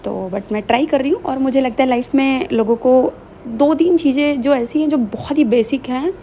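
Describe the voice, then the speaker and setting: A woman's voice: sits high, normal speed, mellow, slight background noise. A young woman chatting casually in a vlog voice-over, slipping English phrases into her talk. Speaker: vlogger.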